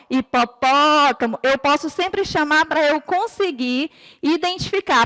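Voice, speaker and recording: Brazilian lady teacher, high voice, patient and clear with the kids, stretches out example words. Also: fairly bright tone, big-room sound. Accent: Brazilian Portuguese. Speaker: primary school teacher. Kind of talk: recorded online lesson for children.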